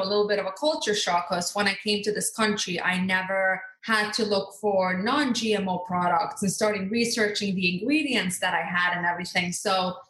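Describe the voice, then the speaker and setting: Lady guest on a podcast, earnest, lots of "you know", echoey room sound. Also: mid-range voice. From Norway. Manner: earnest, warm storytelling with many "you know" fillers. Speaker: guest, skincare brand founder. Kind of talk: podcast interview.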